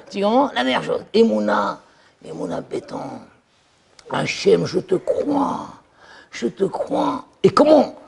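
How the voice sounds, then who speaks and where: A man giving an animated religious lecture as a rabbi, telling stories and acting out little dialogues. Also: sits high, gravelly, husky. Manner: lively storytelling, acts out voices. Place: yeshiva lecture hall.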